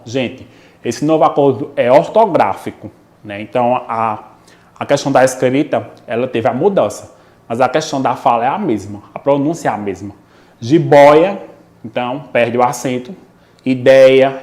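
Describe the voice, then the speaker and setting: A man's voice: medium pitch, a little mellow. Brazilian male teacher explaining spelling rules. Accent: Brazilian Portuguese, Pernambuco. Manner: explanatory, frequent "né?" and "ok?" check-ins, drawn-out example words. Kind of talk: recorded online lesson.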